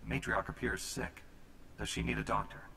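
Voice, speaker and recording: A gravelly, stiff Jedi hero. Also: male voice, on the low side, steady tone, fairly quick, sharp tone, reverberant, a little hiss or hum, heavily acted. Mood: formal. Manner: stiff and formal.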